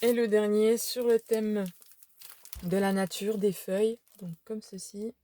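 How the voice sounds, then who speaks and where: A woman's voice: mid-range voice, steady tone, a little slow, warm tone. A tired woman showing a craft shopping haul at home, chatting casually with many fillers and restarts. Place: home room by a window.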